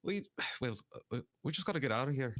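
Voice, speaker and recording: A man's voice: mid-range voice, lively intonation, noisy background, voice pushed up, close to an everyday voice. A man voicing a fierce, foul-mouthed changeling woman prisoner who scolds and hurries. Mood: urgent. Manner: swearing, scolding, rushed.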